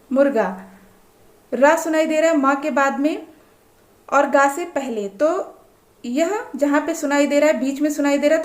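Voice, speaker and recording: Woman teacher, high voice, explains slow and patient, asks questions, bit of room echo. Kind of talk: Hindi grammar lesson.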